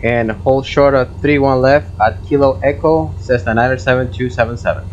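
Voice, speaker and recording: A man with Spanish as his first language speaks into a pilot's cockpit headset, calling ground control. He reads each instruction back slowly and with care, pausing on small fillers. His voice sits at an ordinary pitch, and the sound is a little dull with a faint hiss. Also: darkish tone. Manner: slow, careful readbacks with hesitant "uh" fillers. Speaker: flight sim pilot on an online network. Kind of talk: pilot radio calls and readbacks.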